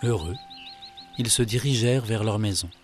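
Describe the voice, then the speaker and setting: Calm male storybook narrator. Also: fairly low pitch, normal speed, soft background music.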